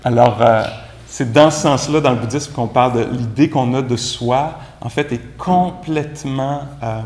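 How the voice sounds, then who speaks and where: A man's voice: mid-range voice, unhurried, darkish tone. A man from Quebec with a Quebec French accent giving a casual dharma talk as a meditation teacher, filling his sentences with "tu sais". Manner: casual, conversational, many "tu sais" fillers. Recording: echoey room, faint background noise.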